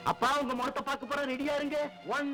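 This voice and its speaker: A man's voice: very high voice, flat delivery, low-quality recording. An actor playing a grief-stricken young man mourning his doomed father, in a declamatory, emotional manner. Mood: grieving, anguished. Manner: declamatory, emotional, with long drawn-out pleading lines. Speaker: film actor. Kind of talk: 1960s Tamil film melodrama. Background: film score music.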